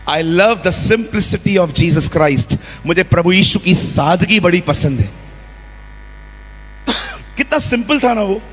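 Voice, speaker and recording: Guy preaching in a big echoey hall, kinda high voice, acts out the scenes. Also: slow pace, pauses often, breathy edge, soft background music. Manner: lively preaching with acted-out quotes and role-play. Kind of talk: sermon. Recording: long hall reverb.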